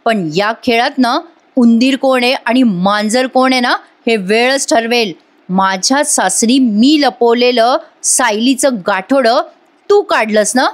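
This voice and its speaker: A woman reading the part of a scheming young wife who frets to herself and then threatens, in a high voice. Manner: muttering to herself, then menacing.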